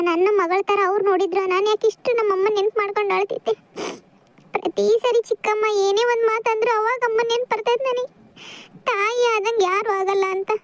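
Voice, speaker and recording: A woman voicing a gentle, grieving young village girl in a cartoon, soft-spoken. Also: extremely high pitch, lo-fi sound, slight background noise. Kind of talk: cartoon voice acting.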